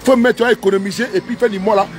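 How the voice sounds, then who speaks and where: High-pitched guy going live from his car on his phone, rambly and repetitive, bits of broken english, faint engine noise. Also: steady tone, rapid-fire. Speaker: live streamer. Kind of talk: rambling livestream monologue. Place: inside his parked car with engine running.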